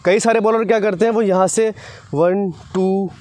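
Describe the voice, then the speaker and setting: A man in his 20s speaks at normal speed in a high, steady voice with a darkish tone, explaining fast-bowling technique to camera like a coach. Standing on an open grassy cricket ground and wearing a lapel mic, he often adds short tag questions.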